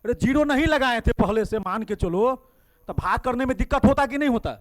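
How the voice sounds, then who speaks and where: A man's voice: very high-pitched, a little fast. A man with a Bihari Hindi accent teaching a math class, coaxing students with constant questions in a classroom.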